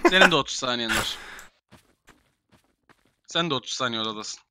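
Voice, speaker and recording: A man's voice: mid-range voice, animated, moderate pace, background noise. A young man in casual game voice chat, bossily herding players into rooms and swearing. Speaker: gamer streamer.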